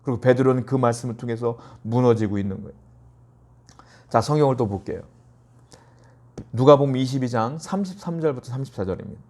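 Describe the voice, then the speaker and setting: A man preaching a sermon as pastor, dropping into a softer, lower voice when he acts out quoted lines. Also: brisk, long pauses. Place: church.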